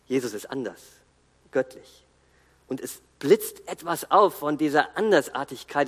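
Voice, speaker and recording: A man giving an earnest, emphatic sermon, pausing and restarting as he speaks. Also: medium pitch, in a large hall. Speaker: guest preacher.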